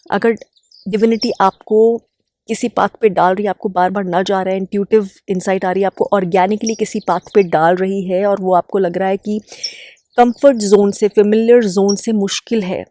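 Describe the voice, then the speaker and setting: A woman's voice: mid-range voice, warm tone. A woman from India who hosts an inner-healing channel, giving a spontaneous, earnest self-help talk and repeating phrases for emphasis.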